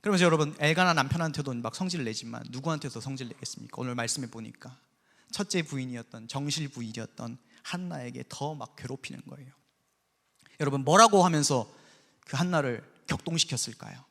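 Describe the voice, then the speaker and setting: A man's voice: mid-range voice, fast, vocal fry. A man preaching a sermon in a church, telling the story vividly and acting out the quotes himself. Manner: lively storytelling preacher, acts out biblical quotes. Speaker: pastor. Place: church sanctuary. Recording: long hall reverb.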